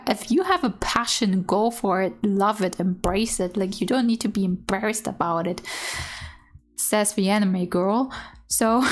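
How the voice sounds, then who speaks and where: A woman gaming streamer reading game dialogue aloud with casual, candid asides, sometimes stumbling over the words. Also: a little high. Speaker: gaming streamer doing a let's play.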